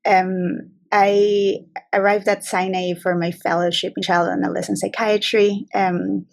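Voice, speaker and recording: A woman from Peru in her forties speaks over a webcam from a small office, her voice gravelly with fry and her pitch staying flat and even. She answers as a child psychiatrist, thinking aloud with frequent fillers and false starts. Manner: hesitant, many fillers and restarts. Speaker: child psychiatrist, grant awardee. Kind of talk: conversational interview answers. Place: small office room, indoors. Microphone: video call webcam.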